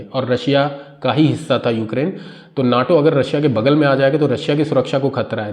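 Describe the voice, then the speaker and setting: A man teaching English from a newspaper, reading each English phrase slowly with an Indian accent and then explaining it word by word in Hindi. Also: medium pitch, a little mellow.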